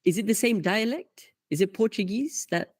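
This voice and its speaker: A man with a high, animated voice at normal speed runs a live karting coaching stream, chatting through comments with many fillers and restarts. The studio-quality audio has no room sound.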